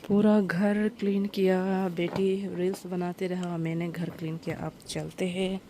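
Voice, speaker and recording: This young village vlogger from Arunachal Pradesh speaks with a Northeast Indian accent in a lowish, dark voice, level in tone and unhurried. Chatting casually, she gives viewers a simple explanation of village life, with slight background noise.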